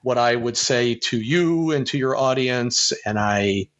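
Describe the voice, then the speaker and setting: A man's voice: medium pitch, a little slow, a bit bright, dull audio. A man from Ohio giving earnest, motivational advice as a podcast guest, with a preacherly way of talking. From Ohio, USA. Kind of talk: casual interview talk.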